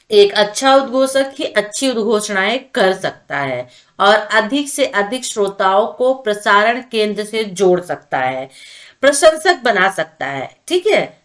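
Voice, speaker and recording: Woman teacher going through exam prep, kinda high voice, checks in a lot as she explains. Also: fairly bright tone. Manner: explanatory, repeats points with "ठीक है".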